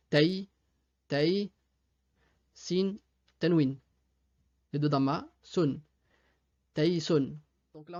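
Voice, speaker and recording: Man, teacher, patient step-by-step reading lesson, very slow, slightly dull recording. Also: on the high side. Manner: patient, spells out sounds letter by letter. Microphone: desktop USB mic.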